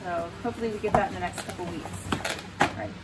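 This thirtysomething homeschooling mom with an American accent talks fast in a lowish voice, with background noise, during a casual unboxing vlog. She's filming indoors in a small furnished room at home.

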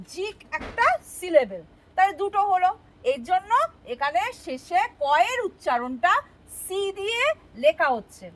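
A woman teaching English spelling rules step by step, patient and asking her students questions as she explains. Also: extremely high pitch. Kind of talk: spoken English spelling lesson.

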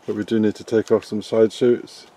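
A middle-aged British man giving a casual, chatty tour of his allotment polytunnel while filming as he walks. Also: lowish voice. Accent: British English. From England. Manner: relaxed, chatty, unhurried. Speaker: allotment gardening vlogger. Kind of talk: casual garden tour narration. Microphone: handheld camera filming as he walks.

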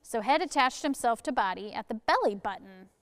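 A woman leading a children's sermon in a church, reading a picture book aloud slowly and expressively. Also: a little high, smooth, long reverb tail. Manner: slow, expressive storytelling. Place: church sanctuary.

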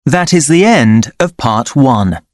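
A man's voice: medium pitch, expressive, slow pace, no room sound, clean studio sound. A man reading scripted listening-test instructions as an exam narrator, in an instructional manner.

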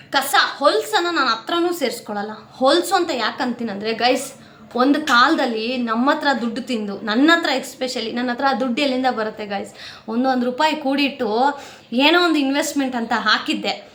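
High-voiced, indignant woman near tears. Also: a bit bright, roomy sound. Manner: aggrieved, indignant venting to viewers. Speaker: family vlogger. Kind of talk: emotional talk to camera. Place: at home.

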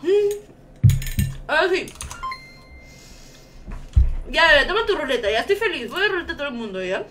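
A woman's voice: high voice, normal speed, long pauses, background noise. A young woman streaming a game live, chatting with viewers, shrieking and swearing as she plays. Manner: excitable, shrieks and swears while playing.

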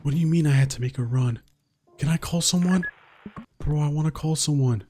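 A man's voice: fairly high pitch, brisk, mellow, soft background music. A young man commentating a horror game, frantic and cursing, yelping in panic. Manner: frantic, swearing, panicky yelps. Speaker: gaming streamer.

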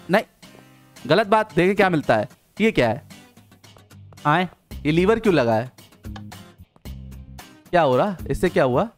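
A young man giving playful gameplay commentary, coaxing and teasing a game companion with quick repeated interjections. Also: high-pitched, fairly bright tone. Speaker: gaming video host.

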